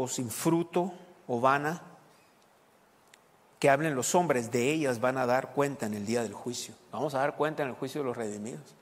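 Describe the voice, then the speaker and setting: A man's voice: medium pitch, gravelly. A man preaching a sermon as pastor, explaining scripture and putting questions to the congregation. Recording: long reverb of a large hall.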